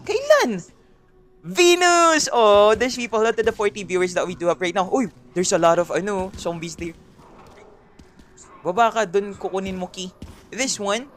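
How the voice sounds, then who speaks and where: A man's voice: high-pitched, a little hiss or hum. A man with a Filipino accent doing livestream gameplay commentary, greeting chat viewers by name and mixing Tagalog and English. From Philippines. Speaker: streamer.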